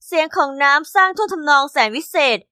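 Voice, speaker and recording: A young woman narrating a first-person diary story in a chatty, expressive scripted style. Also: sits high, quick pace, dry recording, studio quality.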